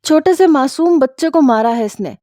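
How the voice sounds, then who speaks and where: A woman voicing a quick-tempered young husband who scolds sharply in a storybook reading. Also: sits high, animated, mellow, no room sound, studio quality, voice pushed up. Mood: angry.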